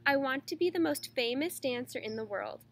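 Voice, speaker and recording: A woman's voice: sits high, animated, normal speed, a bit bright. A woman voicing a poor, determined young girl who dreams of dancing. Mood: eager.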